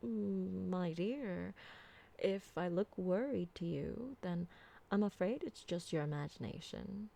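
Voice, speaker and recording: In an intimate ASMR roleplay, a woman plays an ancient, refined vampire who dotes on the listener, using genteel, formal wording. Her voice sits on the low side, slow and soft-spoken with vocal fry, heavily acted in a tender, reassuring mood.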